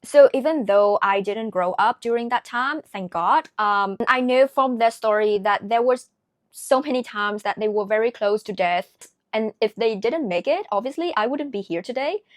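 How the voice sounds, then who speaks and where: A woman with a Vietnamese accent chats through her latest books in a casual vlog, earnest and reflective. Her voice sits a little high. The recording is dry and close, with no room sound. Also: moderate pace, no room sound. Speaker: book vlogger. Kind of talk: casual book review vlog.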